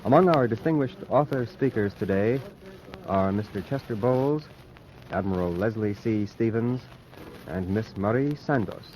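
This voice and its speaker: An American man announcing formally from a script in measured 1950s radio style, on an old transcription disc. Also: on the low side, animated, darkish tone, slight background noise, low-quality recording. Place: introduction to a recorded ballroom luncheon broadcast.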